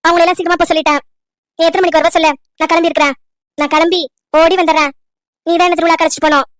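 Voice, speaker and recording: An eager young village girl, as a woman voices her in a cartoon love story. She chatters and coaxes in a high, bright voice. The sound is dry. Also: little pitch movement, rapid-fire, no echo. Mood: chatty. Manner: chatty, coaxing.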